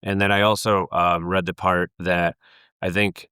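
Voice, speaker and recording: A man's voice: deep voice, unhurried, smooth, no room sound. A young adult man hosting a podcast, chatting casually with loose, agreeable phrasing. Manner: relaxed, agreeable, loose "like, you know" phrasing. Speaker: podcast host. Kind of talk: casual chat.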